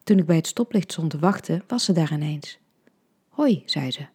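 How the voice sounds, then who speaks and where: A woman reads a short story in an intimate, half-whispered hush. Her voice sits fairly low, dark and mellow, with a husky edge. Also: brisk. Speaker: podcast storyteller. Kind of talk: scripted narration.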